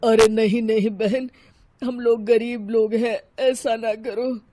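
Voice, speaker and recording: A woman's voice: fairly high pitch, fairly even intonation, takes it slowly, warm tone, faint music behind. Woman doing a meek poor vegetable seller. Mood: pleading. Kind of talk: animated cartoon dub.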